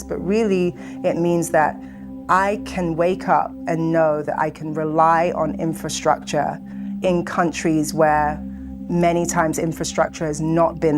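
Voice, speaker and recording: A woman giving a reflective, thoughtful documentary interview. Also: low voice. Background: music.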